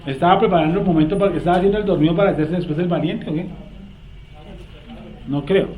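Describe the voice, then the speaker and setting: A man's voice: high voice, fast, dark tone. A man teaching a Bible study class, asking his students questions and leaving sentences open for them to finish. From Colombia. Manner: quizzing students with fill-in questions. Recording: roomy, faint background noise.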